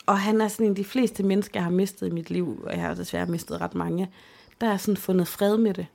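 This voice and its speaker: A woman's voice: on the low side, steady tone, vocal fry, warm tone. A young woman co-hosting a casual chat, telling a personal story in an emotional, chatty way with many fillers. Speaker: podcast co-host.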